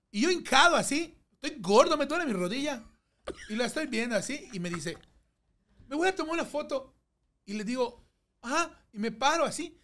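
A middle-aged man with a Mexican accent, telling a story as a podcast guest in casual chat and acting out the voices in it. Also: very high-pitched. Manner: animated, acts out voices in his anecdotes.

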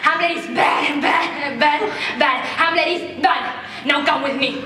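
Woman playing bossy high-pitched mother, echoey theater stage. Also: moderate pace, lightly acted. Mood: scolding. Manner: bossy, theatrical, emphatic repetition. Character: overbearing, scolding, dramatic mother of grown children. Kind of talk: comic stage acting. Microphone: far camera. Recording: very echoey theater stage, distant mic, faint noise.

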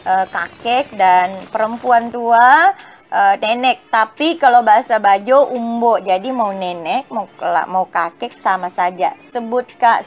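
A woman's voice: on the high side, a little hiss or hum. A woman hosting a casual live-stream chat, greeting viewers by name between frequent hesitant fillers. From Bajau community of Indonesia.

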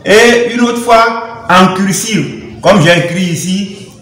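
A man's voice: sits high, takes it slowly, a bit bright. A male teacher with a Togolese French accent giving a reading lesson to young children, patiently spelling out letters and syllables one by one. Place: classroom. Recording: echoey room, voice away from the mic.

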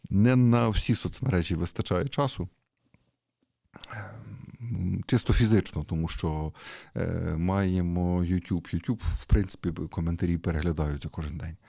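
A man giving a conversational sermon, asking rhetorical questions and pausing with hesitations. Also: deep voice, gravelly, dark tone, no echo, studio quality. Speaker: priest.

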